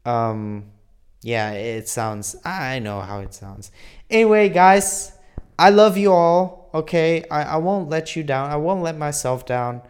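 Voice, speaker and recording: A man's voice: fairly high pitch, slow, smooth. A young man vlogging casually, rambling earnestly with many restarts. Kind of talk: casual daily vlog.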